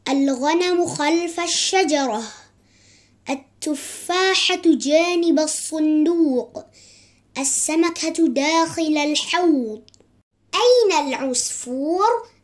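A woman giving a vocabulary lesson, patiently drilling words in question-and-answer form. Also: high voice. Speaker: teacher.

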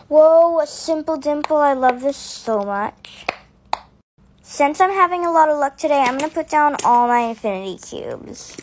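A woman narrating and acting out a comic fidget trading skit, excitable and speaking to her viewers. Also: sits high, moderate pace, few pauses, slight background noise. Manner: excitable, gasping, addresses viewers. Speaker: skit creator.

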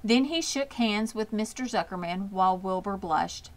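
A woman with a mid-range voice narrates a children's storybook aloud with plenty of expression. She is an audiobook reader and keeps a moderate pace.

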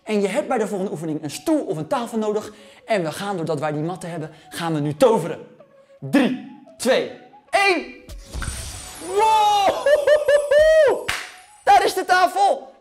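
Guy in his 30s leading a kids workout, bouncy up and down voice, cheering and counting down, bit out of breath, music low in the back. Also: sing-song, normal speed. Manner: cheering, playful, counts down reps aloud. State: slightly out of breath from exercising. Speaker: fitness coach for kids. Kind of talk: energetic workout instruction. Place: gym.

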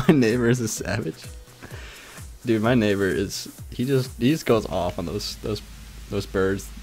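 A young man talks in a loose, rambling way on a gaming livestream, packing his sentences with "like" as he rants. His voice sits fairly low. Faint music plays quietly behind him. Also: unhurried. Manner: rambling, heavy use of filler "like", animated ranting. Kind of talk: casual livestream chat.

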